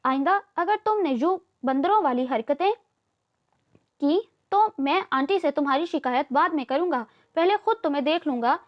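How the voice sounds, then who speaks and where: A woman's voice: high-pitched, animated, normal speed, highs cut off. A woman voicing a stern young man who scolds and warns in an audio novel.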